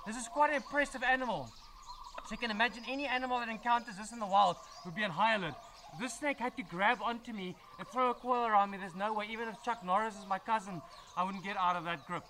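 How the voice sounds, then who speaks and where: A chatty, excitable man talks through a wildlife vlog at an outdoor sanctuary. His voice sits high for a man, and faint birdsong and outdoor ambience drift behind him. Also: fast talker, a little hiss or hum. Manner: enthusiastic, chatty, explaining as he handles a snake. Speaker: wildlife presenter.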